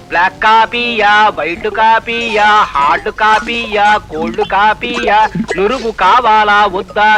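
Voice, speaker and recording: An actor playing a man who tells a comic tale in a slow, drawn-out listing voice, in film dialogue. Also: high-pitched, low-quality recording. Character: man telling a long comic tale with a server's lists. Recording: film soundtrack with music.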